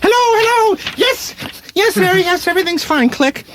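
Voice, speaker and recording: A man playing a doddering, excitable old uncle in a comic radio play, muddled, stammering and repeating himself. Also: extremely high pitch, normal speed. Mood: bewildered, flustered. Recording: crowd noise behind the voice.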